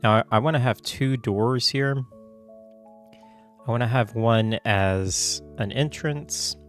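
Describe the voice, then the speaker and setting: A man getting over a cold, coughing now and then, talking through a casual software tutorial in a loose, chatty way full of fillers and self-corrections. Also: medium pitch, slow pace, faint music behind. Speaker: tutorial host.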